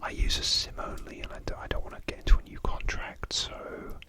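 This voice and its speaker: A British man whispering casual, wandering ASMR rambles, hesitating and repeating words softly. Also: fairly quick. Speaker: ASMR video host. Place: hotel room.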